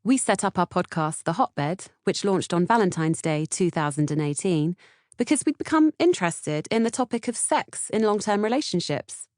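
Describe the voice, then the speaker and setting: Reading scripted audiobook narration in a British accent, this woman is an author-narrator who also co-hosts a podcast. She has a lowish, darkish voice with lively intonation and a moderate pace. It's studio quality, with no room sound.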